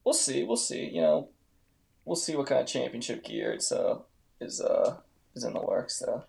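A man with a mellow, creaky voice answers questions in casual chat. He comes across as cocky, with a tongue-in-cheek swagger. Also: medium pitch, moderate pace. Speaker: guest league member being interviewed.

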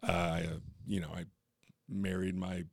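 An earnest man from Kentucky, interviewed as a podcast guest, speaks openly and steadily about his life. His voice sits low, and the recording is dry and close with no room sound. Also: flat delivery, moderate pace, gravelly, no room sound. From US Midwest, Kentucky. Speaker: guest, entrepreneur. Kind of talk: candid interview storytelling.

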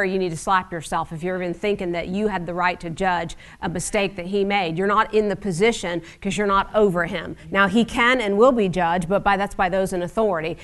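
A middle-aged woman preaching a sermon in a conversational, wry teaching manner with frequent asides. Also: medium pitch.

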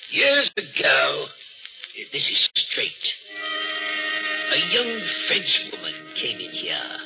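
A jittery old night watchman in a 1940s radio play. His high, gravelly voice halts and stumbles over uhs. The muffled old broadcast has music playing underneath. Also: wildly swooping pitch, full character voice. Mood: uneasy. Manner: hesitant, halting, full of uhs. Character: old nervous waxworks watchman.

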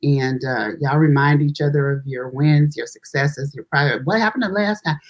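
A woman's voice: deep voice, moderate pace, a little hiss or hum. A woman co-host, speaking in a casual, encouraging and faith-tinged chat. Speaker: podcast co-host.

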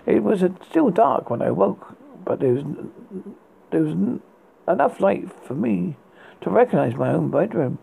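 A horror host reading dark gothic tales in a raspy, gravelly voice, dramatically but haltingly, with stumbles and repeated words. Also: medium pitch, sing-song, a little hiss or hum, rough recording.

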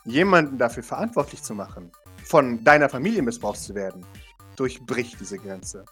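A man's voice: mid-range voice, lively intonation, normal speed, a bit bright, husky, faint music behind. A man playing a stern male authority figure in a tabletop role-play, controlling and pressing for agreement. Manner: controlling, repeats the name, demands agreement. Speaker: game master.

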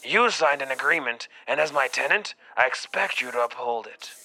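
A man playing a gruff, unsympathetic landlord in his sixties in a script reading. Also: medium pitch, expressive, moderate pace, bright, forceful tone, heavily acted, poor audio. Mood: cold, menacing. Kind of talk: comedy script table read.

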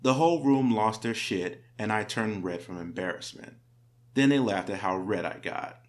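Low-voiced man narrating internet stories. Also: lively intonation, moderate pace, a little hiss or hum. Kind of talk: reading internet stories aloud.

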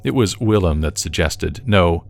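A man narrating an audiobook in a slow, measured storytelling manner. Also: low-pitched, animated, vocal fry. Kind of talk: scripted narration.

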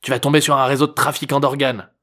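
A man voicing a rough, hot-tempered tough guy in an audiobook, talking in crude threatening slang. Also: medium pitch, flat delivery, fast talker, fairly bright tone, voice pushed up, lightly acted. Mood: menacing.

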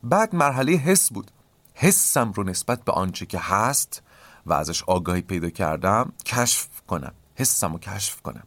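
A man hosting a podcast, calmly explaining ideas in a reflective lecture and often asking rhetorical questions. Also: on the low side, no room sound. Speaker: podcast host.

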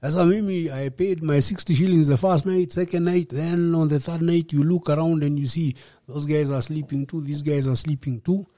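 A man in his fifties with a Kenyan accent, a podcast guest telling his life story in a reflective, unhurried way and slipping in Swahili words. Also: a little high, fairly even intonation, mellow, no room sound. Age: 50s. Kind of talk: personal storytelling in a podcast interview.

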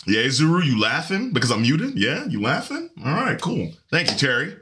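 A man hosting a casual livestream podcast, animated, laughing often and greeting chat by name. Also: a little high, normal speed, background noise. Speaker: podcast and stream host.

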